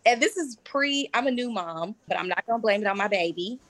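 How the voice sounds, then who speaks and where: A woman in her thirties, a cabaret singer, chatting as an interview guest in a bubbly, animated way with frequent laughs. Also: mid-range voice, fairly quick, background noise. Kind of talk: casual interview chat.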